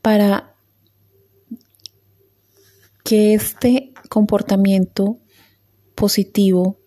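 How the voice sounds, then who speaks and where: A woman leading a guided meditation in a soft, calm voice with long pauses. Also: mid-range voice.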